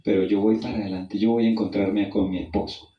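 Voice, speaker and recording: Preaching briskly with a level tone, a man shares a personal story in an evangelistic sermon, addresses his listeners as brother, and poses questions. Reading scripture lifts him from quiet and low to loud and high, and the roomy, distant-mic recording has its highs cut off.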